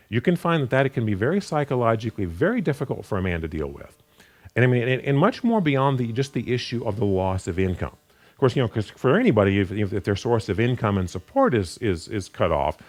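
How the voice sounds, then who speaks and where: A Bible teacher delivers an unscripted Bible study sermon, frequently repeating words and restarting sentences. His pitch is animated and jumps sharply upward for emphasis.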